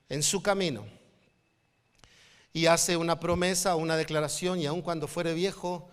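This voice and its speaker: A man with a Mexican accent, a pastor preaching a sermon and telling stories with voiced quotes. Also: a little high. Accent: Mexican Spanish. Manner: animated storytelling, acting out quoted people. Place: church hall. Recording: church hall reverb.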